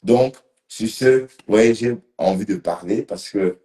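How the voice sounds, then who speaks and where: A man's voice: lowish voice, slow pace, warm tone. A man a bit tipsy, rambling casually on a live stream and talking to commenters by name. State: slightly tipsy.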